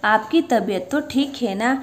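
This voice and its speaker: A woman voicing a gentle young daughter-in-law who pleads softly in a spoken story. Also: fairly high pitch, measured pace, lightly acted. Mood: pleading gentle. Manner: soft, pleading.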